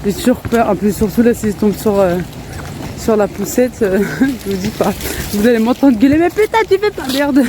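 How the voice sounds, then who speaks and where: Faint street noise surrounds a thirtysomething family vlogger chatting casually in a park with her kids. Her mid-range voice moves at a normal speed, and she laughs often and stops now and then to speak to her children.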